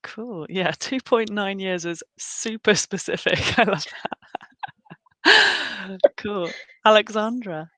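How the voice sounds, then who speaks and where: A woman's voice: medium pitch, animated, slow pace, pauses often, pushed and bright, no room sound. A British woman hosts a webinar over a video call, chatty and friendly with plenty of fillers. Her voice sits mid-range and sounds dry and close. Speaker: graduate recruitment advisor hosting a webinar. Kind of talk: casual webinar hosting.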